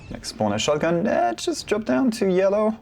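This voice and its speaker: A man's voice: sits high, huge pitch swings, moderate pace, vocal fry, darkish tone, slight background noise. A man giving casual solo commentary on a competitive video game match, rambling with self-deprecating asides.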